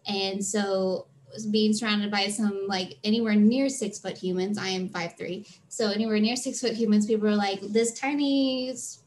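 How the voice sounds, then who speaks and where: A freelance theater tour manager answers interview questions, her slightly high voice chatty and earnest and full of fillers. She keeps a steady, darkish tone and talks at a normal speed.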